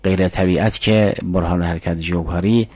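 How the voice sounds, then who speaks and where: A man's voice: deep voice, fairly even intonation, darkish tone, poor audio. An older man giving a formal philosophy lecture, explaining arguments step by step and reciting Arabic syllogisms.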